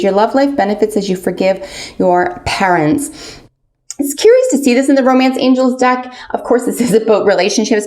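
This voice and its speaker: A woman's voice: medium pitch, slight background noise. A woman fortune teller doing a casual spoken tarot and oracle card reading, addressing the listener directly. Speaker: tarot reader.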